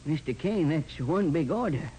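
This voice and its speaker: A man's voice: fairly high pitch, animated, mellow, a little hiss or hum, close to an everyday voice, poor audio. A man playing a hesitant, shady shopkeeper. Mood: wary. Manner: hesitant, halting, fawning. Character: nervous shady hardware store salesman. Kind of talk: 1940s radio acting.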